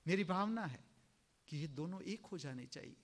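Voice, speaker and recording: A man from India giving a sermon as a spiritual teacher, slow and emphatic, often clearing his throat. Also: on the high side, animated.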